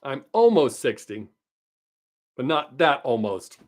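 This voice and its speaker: His mid-range voice is very animated yet slow-paced as this late-fifties livestream host chats casually and upbeat with the people watching, addressing them by name.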